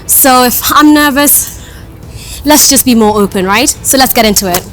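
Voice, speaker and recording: A young woman from Kenya chats openly to the camera in a casual vlog, her voice sitting a little high. She laughs easily as she talks, recorded outdoors high up on a building. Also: normal speed, over music. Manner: chatty, candid, laughs easily. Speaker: vlogger and radio host.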